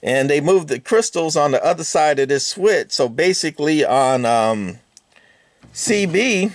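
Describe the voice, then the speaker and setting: This relaxed radio repair hobbyist explains components at his indoor workbench in a casual, hands-on walkthrough, speaking to the parts themselves. He has a higher-leaning voice and a measured pace, with no echo. Fillers crop up often.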